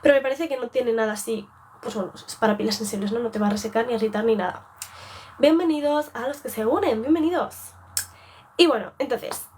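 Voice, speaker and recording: A young woman from Spain with a Spanish accent, chatting casually on a live beauty stream and rambling off track. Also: high voice. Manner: rambling, chatty, self-interrupting.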